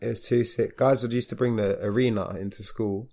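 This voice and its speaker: A man's voice: on the low side, fairly even intonation, brisk, gravelly, warm tone. A young man with a London roadman accent, bantering casually with a friend in heavy street slang. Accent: London roadman (Multicultural London English).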